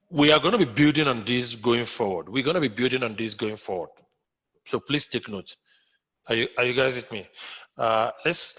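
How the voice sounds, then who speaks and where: This coding instructor, a Nigerian-accented man, has a fairly bright voice at medium pitch. Teaching live online, he repeats himself and checks on students' understanding often, all captured in muffled lo-fi sound.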